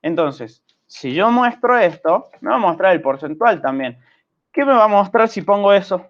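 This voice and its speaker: A male programming teacher with an Argentine Spanish accent, explaining patiently in an online class and often checking understanding with quick questions. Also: high voice, lively intonation, dull audio.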